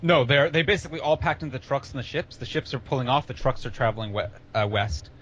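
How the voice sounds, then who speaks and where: A man running a tabletop game as game master, halting and restarting as he explains what happens. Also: medium pitch, fairly bright tone, lo-fi sound.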